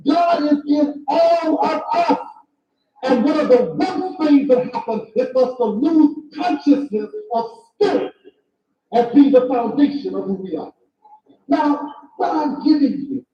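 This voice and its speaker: A man lecturing an audience as an author, speaking emphatically and repeating phrases in a preaching cadence. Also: extremely high pitch. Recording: echoey, distant, dull lo-fi recording.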